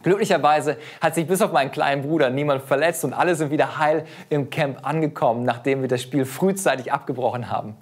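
A pastor in his thirties preaching a sermon in an earnest, expressive way, his voice rising and dropping widely in pitch and loudness. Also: a little fast, hardly any pauses, breathy edge.

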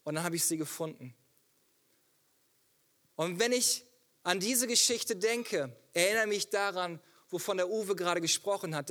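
A man in his thirties preaches to his church, weaving a family story into the sermon. His voice sits very high and sounds bright and forceful. He talks in an animated way and keeps asking rhetorical questions. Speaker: pastor.

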